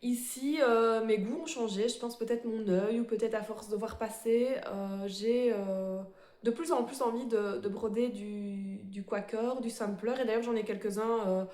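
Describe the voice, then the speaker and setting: A woman's voice: a little high, steady tone, dark tone, roomy sound. A woman presenting her embroidery projects in a casual show-and-tell, a little nervous and hesitant, with many fillers and restarts. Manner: self-described fast talker, a bit nervous. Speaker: cross-stitch vlogger.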